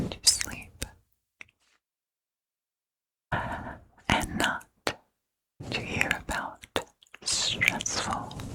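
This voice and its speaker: A woman whispering softly and breathily into a close ear-to-ear microphone in a chatty ASMR style, in short, halting phrases. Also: rough recording. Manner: slow, halting, short phrases with long pauses. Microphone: close ear-to-ear stereo ASMR microphone.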